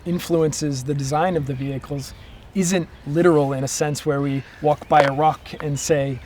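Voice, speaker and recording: An American man, a car designer, explaining his design ideas in a relaxed, thoughtful way with frequent ums. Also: on the high side, moderate pace, a little hiss or hum. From United States. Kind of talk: explanatory interview talk.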